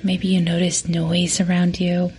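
A woman hosting a guided meditation in a soft, breathy, half-whispered voice, leaving long pauses between phrases. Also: on the low side, monotone, a little hiss or hum. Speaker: host of a guided relaxation podcast.

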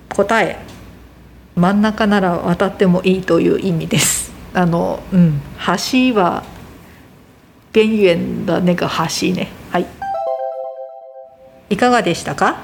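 A woman teaching a language lesson, slowly and carefully demonstrating how word accents differ. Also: mid-range voice, a little mellow, slight background noise.

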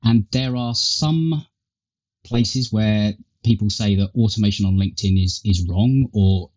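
A man's voice: fairly low pitch, measured pace, a little mellow. A man hosting a podcast, with a tinny, slightly metallic tone from recording through an earbud microphone. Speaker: podcast host. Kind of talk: scripted intro and podcast hosting. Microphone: earbuds instead of proper microphone.

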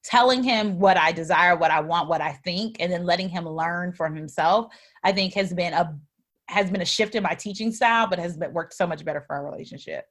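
A woman's voice: lowish voice, brisk. Chatty woman, full of fillers and restarts. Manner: rambling, with frequent "like" fillers and restarts; animated and expressive when telling stories. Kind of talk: casual conversational chat.

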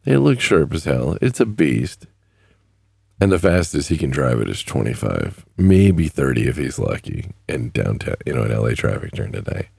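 A man's voice: very deep voice, sing-song, moderate pace, vocal fry, mellow, slightly rough, no room sound. A man hosting a casual solo podcast, rambling and plainspoken, choking up with grief. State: grieving, choking up. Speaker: podcast host.

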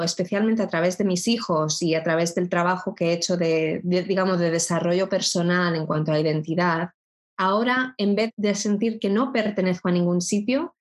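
A woman's voice: lowish voice, moderate pace. Reflective woman with frequent restarts. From Spain. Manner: thoughtful, with frequent restarts and rhetorical asides. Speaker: interview guest. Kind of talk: reflective conversation.

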